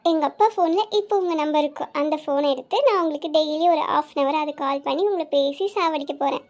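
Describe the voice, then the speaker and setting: A woman's voice: high-pitched, a little mellow, natural voice. A woman voicing a chatty, cheeky teenage schoolgirl in a cartoon series. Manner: chatty, cheeky, quick to tears. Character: chatty schoolgirl in twelfth grade. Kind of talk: Tamil cartoon series voice acting.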